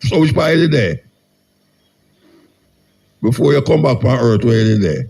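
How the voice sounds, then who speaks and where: A man's voice: medium pitch, lively intonation, normal speed, gravelly, a little mellow. A Jamaican man hosting a radio call-in in casual Rastafarian-style Patois, blunt and challenging with short questions.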